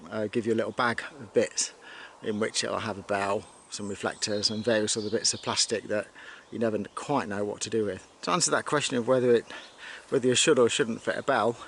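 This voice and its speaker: A man's voice: mid-range voice, fairly bright tone. Rambling man talking while cycling outdoors. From United Kingdom. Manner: rambling, many restarts and fillers. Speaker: cycling vlogger. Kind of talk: casual talk while riding. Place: outdoors on a bike path. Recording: outdoor wind and road noise.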